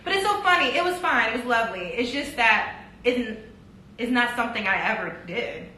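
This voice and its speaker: Bright-voiced New woman chatting. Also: on the high side, animated, brisk. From New York. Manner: laughs often, chatty. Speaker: podcast co-host. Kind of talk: casual chat. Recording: echoey room with faint noise.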